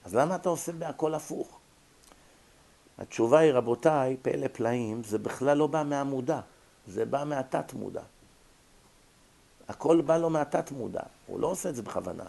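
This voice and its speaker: Male lecturer, mid-pitched, gravelly; explains with rhetorical questions. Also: lively intonation, mellow. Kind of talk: religious psychology lecture.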